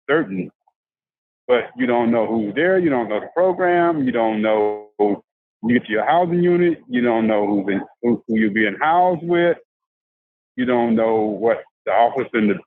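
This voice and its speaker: A man's voice: medium pitch, no room sound. Older man, tinny video-call audio. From South Carolina, USA. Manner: halting, with many restarts and repeated words. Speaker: formerly incarcerated guest. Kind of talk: casual conversational interview. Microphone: handheld phone on a video call.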